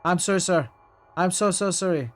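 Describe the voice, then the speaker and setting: Game voice: a man doing an eager, polite young cadet, butler-formal, pitched higher, soft music under. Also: moderate pace, close to an everyday voice. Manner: politely formal, ends lines with "sir". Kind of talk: voicing a character while playing a video game.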